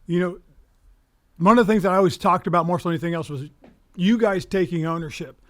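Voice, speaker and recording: A man's voice: high-pitched, fast, no echo, clean studio sound. A man in his sixties, a former head coach hosting, telling stories earnestly with frequent restarts. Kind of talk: reminiscing conversation.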